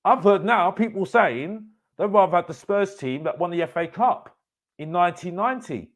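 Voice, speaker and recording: Hosting a live football fan reaction show, a man offers casual opinions emphatically, repeating phrases for effect and often breaking sentences up haltingly. His voice sits high and is expressive.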